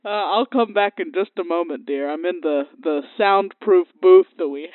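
A woman's voice: fairly low pitch, normal speed, no echo, natural voice. A woman voicing a jolly, crude old Santa Claus who rambles cheerfully and obliviously, calling in by phone to a comedy podcast. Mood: jolly, rambling. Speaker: comedy guest. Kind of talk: improvised comedy podcast bit. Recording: tinny phone line, dry.

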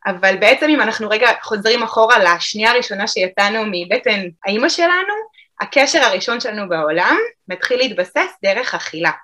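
Woman therapist talking it through, bright clear voice, calm and thoughtful. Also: medium pitch. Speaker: emotional eating therapist. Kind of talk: podcast interview answers.

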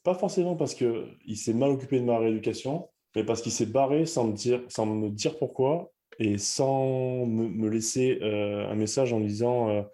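A man's voice: medium pitch, normal speed, few pauses, warm tone. A young man, a rugby player, talking candidly in a casual chat with many restarts.

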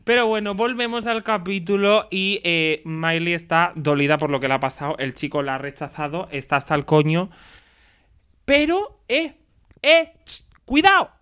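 A young man from Spain hosting a podcast, recapping a TV episode in casual, playful and expressive chat. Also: on the high side, brisk, few pauses, clean tone. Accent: Spanish from Spain. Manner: playful, camp and expressive, acting out scenes. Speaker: podcast host.

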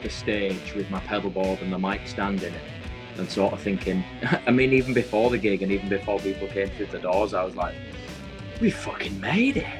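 A man's voice: deep voice, steady tone, brisk, music in the background, poor audio. A man from a band talking through old gigs in a casual chat, steadily leading the story. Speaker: band member and co-host.

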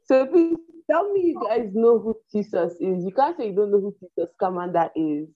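A woman's voice: mid-range voice, animated, normal speed. A woman chatting casually and eagerly as a panelist in a discussion. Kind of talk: casual chat. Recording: tinny phone-like online call.

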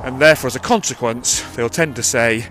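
A man's voice: mid-range voice, fairly quick, music in the background. Rambling man recording outdoors. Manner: rambling, self-correcting. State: out of breath walking uphill. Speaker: vlogger. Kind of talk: casual audio diary. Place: outdoors by a busy road. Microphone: handheld mic, cupped. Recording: outdoor street recording with traffic. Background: passing traffic.

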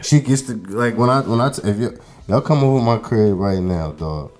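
A man's voice: lowish voice, animated, moderate pace, darkish tone, soft background music. A man in his thirties co-hosting a podcast, telling a long story in a laid-back, rambling way, with plenty of fillers and curses. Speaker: podcast co-host. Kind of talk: casual storytelling chat.

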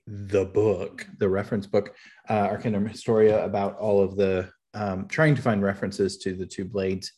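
A man recapping and running a tabletop game as game master, talking in a rambling, hesitant way with many fillers. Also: fairly low pitch.

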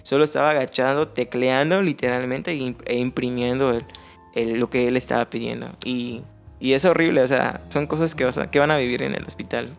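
A man's voice: mid-range voice, steady tone, fairly quick, vocal fry, soft background music. A man with a Mexican accent, chatting frankly as a podcast guest and telling stories with casual slang. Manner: storytelling, frank and conversational with slang. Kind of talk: casual chat.

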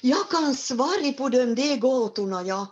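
A woman voicing a clever young daughter who answers with bright confidence. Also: high-pitched, animated, muffled recording, pitched above the performer's own voice. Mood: sure, earnest.

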